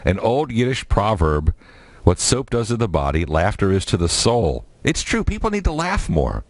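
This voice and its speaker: A male talk radio host who keeps things light and jokey. His low voice swings widely in pitch as he riffs between questions. The sound is dry and close. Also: no echo. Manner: jokey, animated, quick asides.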